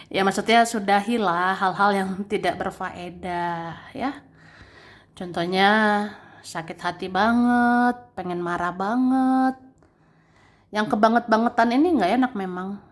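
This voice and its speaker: A woman giving a casual tarot reading, chatty and gently advising, tagging her sentences with a soft "ya" and laughing between phrases. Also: mid-range voice. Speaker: tarot reader.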